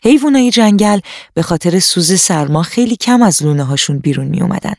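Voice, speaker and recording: A storyteller reading a children's radio tale in a clear, even, scripted way, speaking directly to young listeners. The voice sits at a middle pitch. The sound is dry and close to the mic, with no room echo.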